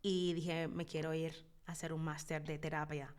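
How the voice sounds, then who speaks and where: A woman in her thirties with a Dominican accent and a fairly low voice tells her story as an interview guest. She is expressive and reflective, often pausing to gather her thoughts. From Dominican Republic. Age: 30s. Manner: expressive, reflective, with frequent hesitations. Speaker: psychologist guest.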